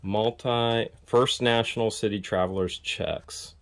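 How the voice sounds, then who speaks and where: A man's voice: lowish voice, steady tone, takes it slowly. A man in his thirties, hosting and joking as he digs through boxes at a storage unit, recorded outdoors on a body-worn camera. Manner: chatty, joking while digging through boxes. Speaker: storage unit buyer and host. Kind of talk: casual unboxing commentary. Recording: noisy outdoor recording with handling clicks.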